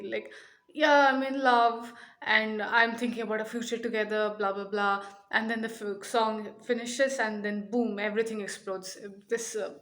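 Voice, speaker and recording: A woman's voice: a little high, a bit bright. A young woman chatting enthusiastically about a favourite book in a casual vlog, with frequent fillers. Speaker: book vlogger.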